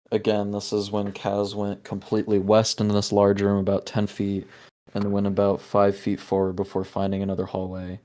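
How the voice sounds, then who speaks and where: A man's voice: on the low side, mellow. A man narrating as game master in a tabletop game, talking casually with many fillers and restarts.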